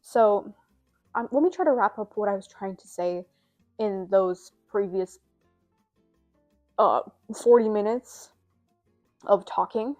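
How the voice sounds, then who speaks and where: A woman's voice: mid-range voice, takes it slowly, pauses often, a little mellow, faint music behind. Rambling young woman vlogger, slightly breathless. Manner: rambling, filler-heavy, self-deprecating. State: slightly out of breath, scratchy throat. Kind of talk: casual chat to camera.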